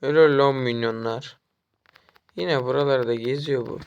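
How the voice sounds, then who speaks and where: A young man from Turkey commentating his own mobile game as he plays, taunting and trash-talking the enemy and getting excitable during chases. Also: medium pitch, normal speed, clean tone, highs cut off. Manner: excitable, jumps up when chasing. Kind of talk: live gameplay commentary.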